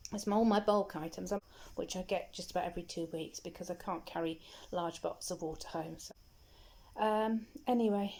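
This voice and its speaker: A woman's voice: mid-range voice, warm tone. A middle-aged woman, a shop security guard, talking casually and candidly to her vlog viewers. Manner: chatty, candid, rambling.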